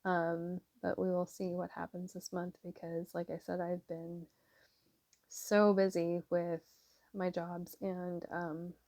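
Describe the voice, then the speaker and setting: A woman's voice: lowish voice, level tone, slow pace, mellow, no echo. A woman giving a casual tarot reading to her viewers, chatty and rambling with many fillers. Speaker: tarot reader.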